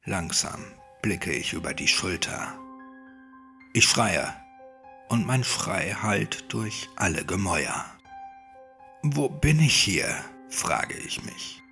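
A man reading a first-person horror story aloud, tense and breathy, dropping into whispers and rising into shouts. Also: low voice, animated, takes it slowly. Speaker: horror audiobook narrator. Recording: faint music bed under the voice.

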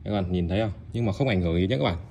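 A man's voice: low voice, rapid-fire, darkish tone, dull audio, slight background noise. A man selling goods in a casual, chatty video showcase, often repeating himself and addressing viewers directly. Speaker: online seller of used Japanese rice cookers. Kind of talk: casual product showcase and sales talk. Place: indoor tiled room, products on the floor.

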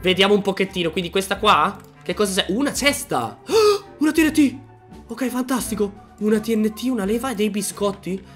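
Excitable man narrating a game. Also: sits high, fairly quick, few pauses, soft background music. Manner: excitable, exclamatory, talks to viewers. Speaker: gaming youtuber. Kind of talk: excited let's-play commentary.

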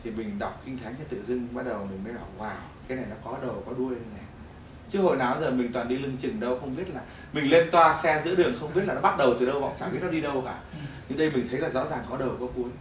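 A middle-aged man giving a testimony sermon in a church hall, telling his story in an animated way that swings between loud bursts and hushed moments. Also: medium pitch, very fast, background noise. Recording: echoey hall, mic at a distance.

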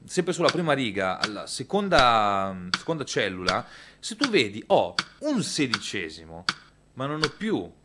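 A man's voice: medium pitch, sing-song, a little slow, very noisy. A man in his thirties, a guitar teacher, talks casually through a lesson, counting beats and singing rhythms aloud. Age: 30s. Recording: loud guitar playing behind the voice. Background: electric guitar.

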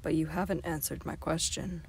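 A stern bearded baron, as a woman reader puts him on, his voice pitched low and deliberate. He speaks slowly, sometimes dropping to a near-hush, in an audiobook reading. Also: steady tone, gravelly, slight background noise. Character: stern bearded middle-aged male baron. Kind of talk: audiobook character voice.

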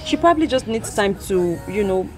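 An actress with a Nigerian accent playing a calm friend who reassures a distressed man. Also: mid-range voice, a little fast, music in the background, lightly acted. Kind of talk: film drama acting.

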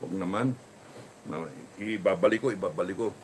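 A man telling a long personal story in a casual, rambling, halting way, full of restarts. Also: low voice, a little mellow, a little hiss or hum.

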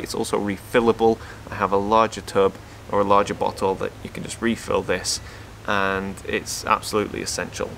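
An English outdoor photographer and vlogger in his thirties reviews his hiking gear on a garden patio in front of a brick house, talking casually to a camera on a stand close by. His voice is fairly low and a bit bright, with a little hiss or hum, and he's upbeat and full of asides.

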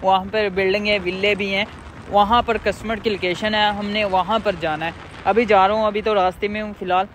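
High-voiced man vlogging a night delivery ride. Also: little pitch movement, a little fast, fairly bright tone, slight background noise, poor audio. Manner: repetitive, chatty, explains steps plainly. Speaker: food delivery rider. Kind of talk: casual vlog narration while riding. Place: outdoors on a night road, riding to a customer.

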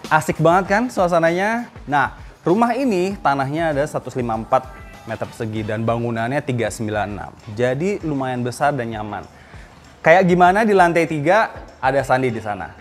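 A man presenting a house on a walking tour, relaxed, friendly and chatty. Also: mid-range voice, fairly quick, faint music behind. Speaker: real estate house tour host.

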